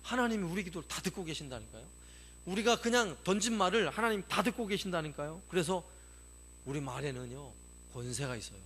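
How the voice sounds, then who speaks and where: A man's voice: fairly high pitch, expressive, brisk, a bit bright, slight background noise. A middle-aged man preaching a sermon as pastor, emphatic and insistent, repeating his points.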